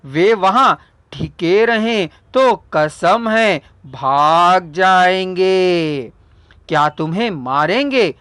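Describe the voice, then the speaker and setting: A man's voice: high voice, expressive, extremely slow, a bit bright, clean tone, dry recording, full character voice. A man reading the lines of a scheming man who urges someone to use a pistol, in an insistent, persuasive way. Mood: urging.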